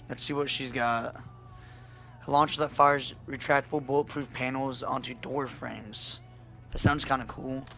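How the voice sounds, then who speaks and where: Hoarse man streaming a game. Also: mid-range voice. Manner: relaxed, thinking aloud while playing. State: hoarse, losing his voice. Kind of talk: casual gameplay commentary.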